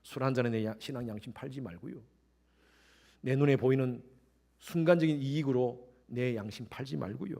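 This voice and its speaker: Korean pastor preaching with dramatic swings. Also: male voice, medium pitch, fairly quick, vocal fry. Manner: dynamic preaching, sudden loud rises and quiet drops; acts out quoted voices with animated shifts. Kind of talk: sermon.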